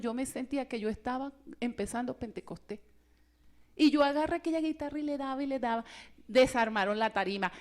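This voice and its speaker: A woman giving a personal testimony at a religious retreat, telling her story in a lively way and acting out the voices of the people in it. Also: high voice. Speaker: retreat speaker.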